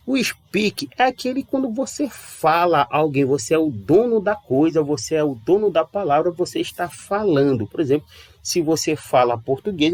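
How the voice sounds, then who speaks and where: A man from Brazil teaching English in a casual online lesson, chatty and repeating words slowly to model pronunciation. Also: fairly high pitch, darkish tone, dry recording.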